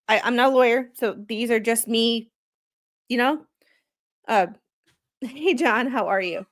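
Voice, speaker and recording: Fairly high in pitch with a fairly bright tone, this woman streams live as a commentator who isn't a lawyer. She stumbles through reading legal filings aloud and discusses them casually, poking fun at herself.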